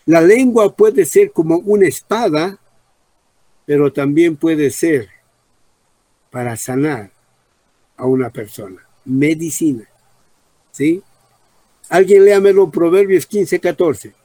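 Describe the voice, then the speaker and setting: A man's voice: fairly high pitch, warm tone, no room sound. Preacher man with a dry, close sound. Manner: repeats key phrases, asks the congregation questions; slows down on emphasized words. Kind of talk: sermon, Bible teaching.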